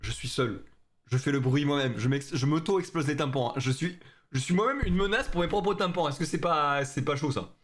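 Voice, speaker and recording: A man's voice: on the high side, normal speed. A young man chatting with his viewers during a live stream, joking in slangy talk. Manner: slangy, joking, talks straight to chat.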